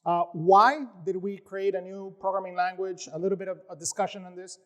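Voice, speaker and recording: A man with a notably high speaking voice gives a tech conference talk. He is upbeat and animated, and his speech is loose with "uh" fillers. He sounds like a company founder presenting to developers. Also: fairly quick. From United States. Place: conference session room.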